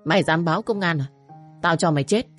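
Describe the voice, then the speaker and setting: A swaggering young male thug sneers out threats in a low voice, as a woman narrator plays him. Soft music sits faintly behind this storybook reading. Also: quick pace, lightly acted. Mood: taunting. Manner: taunting, threatening.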